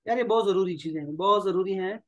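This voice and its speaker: A man's voice: sits high, fast talker, fairly bright tone. A man with a Pakistani Urdu accent teaching a language class. He reads each phrase aloud, explains it, and coaxes the students with repetition. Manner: coaxing, repeats himself. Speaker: Arabic teacher. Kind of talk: classroom lesson.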